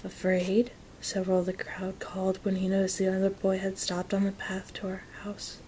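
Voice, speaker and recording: A woman whispering a story in a soft, gentle ASMR reading, taking her time. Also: medium pitch, monotone, moderate pace, slight background noise. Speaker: reader of an audiobook-style story.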